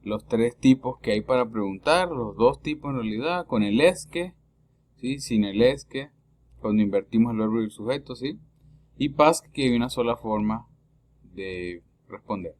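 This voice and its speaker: A man's voice: medium pitch, lively intonation, darkish tone. Patient man teaching French in Spanish. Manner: patient, repeats words slowly, checks with "¿sí?". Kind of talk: recorded language lesson.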